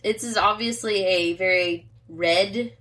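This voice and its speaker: A woman's voice: medium pitch, takes it slowly, a bit bright. Woman cohost rambling along, reading a wine label out, medium voice. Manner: chatty and rambling, reads labels aloud. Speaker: podcast co-host. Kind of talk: casual chat.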